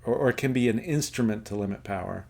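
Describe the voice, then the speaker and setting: A man giving a casual book review, halting with many fillers and self-corrections, and reading passages aloud in a steady, measured way. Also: on the low side, vocal fry.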